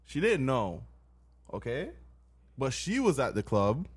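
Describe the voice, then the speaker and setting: Man, podcast co-host, casual chat, blunt, lively pitch. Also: slow, husky. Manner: animated, blunt, swears often.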